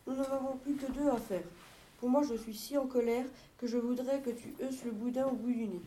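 A woman's voice: on the high side, fairly even intonation, a little fast, mellow, slight background noise, close to an everyday voice. A woman reading aloud from a fairy tale book and voicing a poor, hot-tempered peasant husband. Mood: angry.

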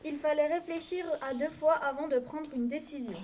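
A woman's voice: high voice, normal speed, a little mellow, a little hiss or hum, lightly acted. A woman reading the part of a poor wife in a storybook tale, wishful and exclamatory. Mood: wry. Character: poor wife, greedy and impulsive.

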